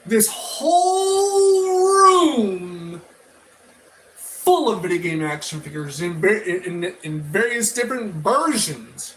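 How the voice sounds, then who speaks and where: Rambling through his views in a laid-back review vlog, this man reviews toys and media in a high, somewhat bright voice. His words come slow, halting and stretched, and he keeps looping back to repeat or restart phrases, all on a rough recording.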